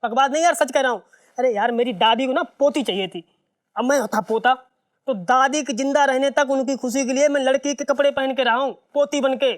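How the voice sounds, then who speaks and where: A high, rapid-fire voice of a hot-headed young man in a sitcom, sick of living in disguise. He whines fast and keeps threatening to make a scene. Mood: fed up. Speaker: disguised night watchman. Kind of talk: sitcom acting.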